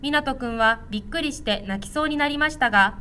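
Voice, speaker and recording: High, bright woman reading a storybook. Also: fairly quick, a little hiss or hum. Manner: gentle, clear and instructive.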